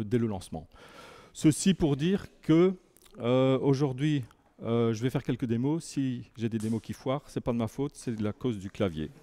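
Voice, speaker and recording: A man's voice: medium pitch, mellow. A Belgian man with a French accent from near the Lille border, giving a conference talk to a live audience, hesitant with many fillers and restarts. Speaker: conference speaker. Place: meeting room with an audience.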